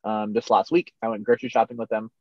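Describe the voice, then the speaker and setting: A man's voice: lowish voice, flat delivery, quick pace, no room sound. A young man from California hosting a casual podcast, recorded inside a small camper van. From California, USA. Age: young adult. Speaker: podcast host. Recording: slightly dull, dry, inside a camper van.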